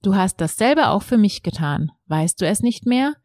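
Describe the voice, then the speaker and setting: A woman voicing a patient, friendly soul in a storybook reading, speaking softly. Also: mid-range voice, expressive, normal speed, dry recording, clean studio sound, lightly acted. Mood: tender.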